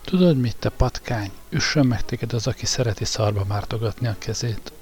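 A man's voice: medium pitch, a little mellow, soft background music, close to an everyday voice. A man voicing a brutal, mocking male guard who taunts and threatens coarsely in an audiobook reading.

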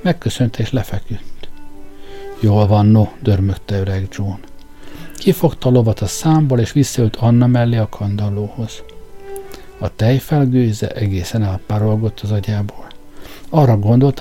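A man narrating a storybook in a steady, measured reading voice. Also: medium pitch. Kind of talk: audiobook narration.

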